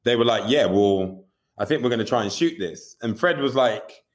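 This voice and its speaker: A man with a mid-range voice speaks at a normal speed while interviewed about his music video directing work. He's candid and animated, swears casually, and keeps asking "you know what I mean."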